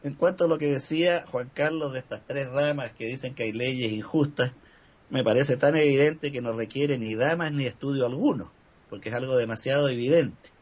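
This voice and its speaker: A man with a Chilean accent speaking on a discussion panel in a measured, digressive way with wry asides, retelling a story along the way. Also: mid-range voice, breathy edge. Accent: Chilean Spanish. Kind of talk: reflective discussion talk with storytelling. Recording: dull lo-fi recording.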